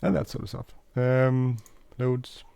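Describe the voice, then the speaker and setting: A flight sim video host, not a native English speaker, gives a casual gameplay walkthrough of a flight simulator, full of fillers, hesitation, and self-corrections. His medium-pitched, dark voice is monotone with vocal fry and he takes his time. The sound is clean, with no room sound.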